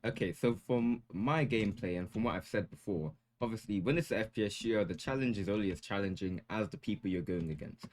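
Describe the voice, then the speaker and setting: A man's voice: on the low side, a little fast, hardly any pauses, a little mellow. Hyped young male gaming commentator. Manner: hyped, joking, slangy. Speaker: gaming YouTuber. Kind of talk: casual gameplay commentary.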